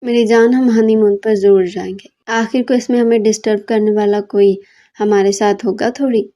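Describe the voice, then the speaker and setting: A teasing young husband from a romance audiobook, playful and affectionate toward his wife, as a female narrator reads him in her own voice. The tone is mellow and soft, with no heavy character voice. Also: medium pitch, fairly even intonation, lightly acted.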